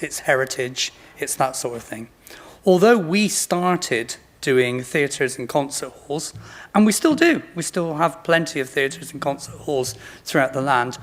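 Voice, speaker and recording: A man in his late fifties with a modern British RP accent, giving an informal product presentation in a self-deprecating manner. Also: a little high. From Bristol, England. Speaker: company representative presenting.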